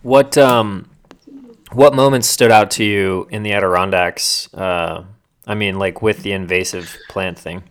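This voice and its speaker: A man with a fairly low voice hosting a podcast. He asks questions in a relaxed, offhand way and swears casually. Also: unhurried. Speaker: podcast host. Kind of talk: casual interview chat.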